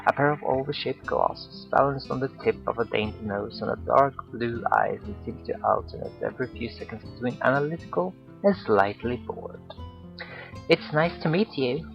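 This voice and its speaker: A man narrating a visual novel aloud in the first person, low-key and wry. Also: normal speed, creaky, few pauses, dull audio, soft background music.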